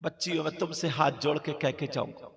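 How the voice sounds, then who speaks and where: A man preaching a dramatic story sermon at a religious gathering, in a sing-song, drawn-out delivery that swings between high cries and hushed passages. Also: creaky, crowd noise. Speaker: Islamic preacher. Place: large outdoor religious gathering with stage. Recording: echoey public address with long reverb.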